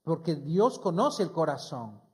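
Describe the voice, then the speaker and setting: A man's voice: fairly high pitch, big pitch swings, measured pace, a little mellow. A male pastor with a Rioplatense Spanish accent preaching, telling a personal story and acting out the conversation. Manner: storytelling, acts out dialogue with voseo. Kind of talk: sermon with personal testimony.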